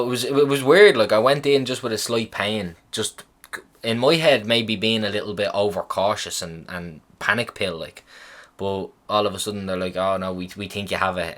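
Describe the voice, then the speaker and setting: Guy, lowish voice, chatty podcast storytelling, swears a lot. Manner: profane, animated retelling of a hospital visit. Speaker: podcast host. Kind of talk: casual storytelling.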